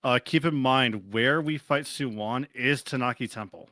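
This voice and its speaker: A man co-hosting a casual game chat, explaining his view in quick bursts. His voice is bright and forward, recorded close and dry with no room around it. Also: medium pitch, dry recording. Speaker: co-host.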